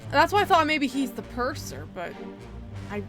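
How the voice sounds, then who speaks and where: A young woman streams a let's play of a mystery game, thinking aloud and working through her guesses in a casual way. Her voice sits high and is very animated at a moderate pace, with music playing underneath.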